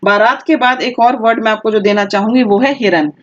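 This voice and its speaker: A woman teaching an online exam-prep lesson, carefully dictating words and explaining their spelling, often pausing with "okay". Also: fairly high pitch, muffled recording. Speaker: Hindi teacher.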